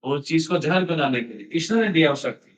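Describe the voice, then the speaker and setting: A man's voice: on the high side, expressive, a little fast. A man giving a storytelling sermon in a chatty style, mixing in English phrases and laughing now and then. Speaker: devotional speaker. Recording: echoey, distant, dull sound.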